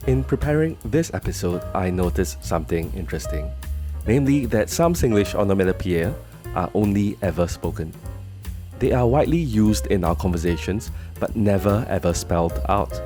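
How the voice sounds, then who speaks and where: A man with a Singaporean accent hosting a scripted explainer in a wry, articulate, measured way. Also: deep voice, animated, warm tone. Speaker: host and presenter. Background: music under the voice.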